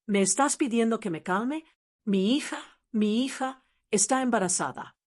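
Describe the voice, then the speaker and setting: A furious, violent father shouts at his family in a dramatic spoken story, acted by a woman narrator. The voice stays close to her own but rises higher and tighter. The delivery is strained. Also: moderate pace, lightly acted. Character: enraged middle-aged father, violent and shouting.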